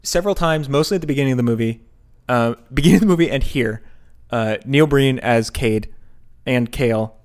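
A man's voice: mid-range voice, brisk, darkish tone. A man co-hosting a podcast in casual comedic chat, joking, swearing and teasing. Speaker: podcast co-host.

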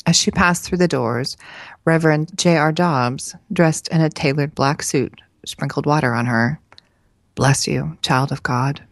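A woman podcast co-host reading a novel excerpt aloud with steady, even narration. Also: low voice, unhurried, no room sound.

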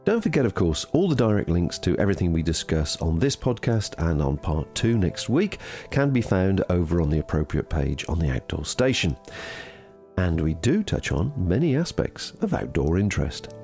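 A British man hosting a podcast from a quiet office, chatty and scripted, with a jocular, self-deprecating manner. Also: sits low, very animated, moderate pace, faint music behind. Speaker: podcast host.

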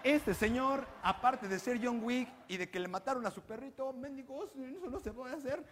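Male presenter, Mexican accent, higher voice, cheeky slang-filled comic commentary in a studio. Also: moderate pace, a bit bright, a little hiss or hum. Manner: joking, slangy, teasing the studio crew. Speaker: guest presenter of a comedy panel show. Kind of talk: comedic show commentary.

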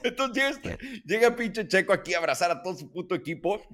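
This podcast co-host is a man in his late 30s with a Mexican accent and a high-sitting, brisk voice. Telling stories in a casual chat, he's animated, slangy and quick to swear.

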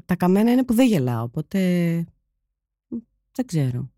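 A young adult woman, a stand-up comedian, telling stories in a casual chat, animated and laughing. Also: lowish voice, no echo, studio quality. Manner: animated, laughing, quick storytelling with acted quotes.

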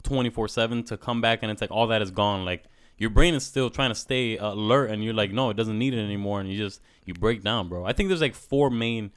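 A man's voice: fairly low pitch, brisk, hardly any pauses, a bit bright, no echo, studio quality. A man talking casually and emphatically at length, peppering his speech with bro. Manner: emphatic, talkative, says "bro" often. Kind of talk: casual conversational talk.

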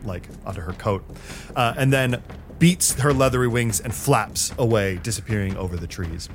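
A man's voice: on the low side, moderate pace. A man narrating a tabletop game as game master, telling the story in a dramatic way. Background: music.

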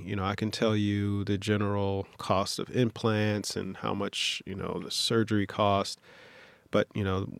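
A man with a low, gravelly voice and a flat, even delivery. He explains things patiently as an interview guest, dotting his sentences with fillers. The sound is dry and close. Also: dry recording. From Detroit, USA. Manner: measured, explanatory, many fillers. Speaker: orthopedic surgeon guest. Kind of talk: interview conversation.

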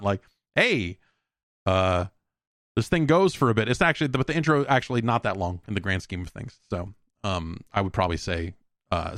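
Speaking in a fairly low pitch, this man hosts a casual, conversational video game podcast on his own. The studio-quality recording has no room sound, and he wanders through the topic with dry asides and little imagined dialogues he acts out.

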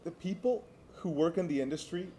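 A young man from Santiago, co-hosting a casual chat and telling stories in a relaxed way, with laughs and restarts. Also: on the high side, brisk, a little hiss or hum. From Santiago, Dominican Republic. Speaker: co-host.

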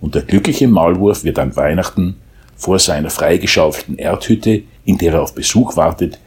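A man reading a children's Christmas story aloud in a calm, unhurried way. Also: sits low, slight background noise.

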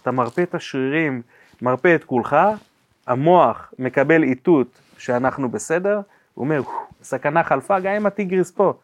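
A man appearing as a guest on a podcast, explaining body language with lively acted-out examples and sound effects. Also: fairly high pitch. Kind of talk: podcast interview chat.

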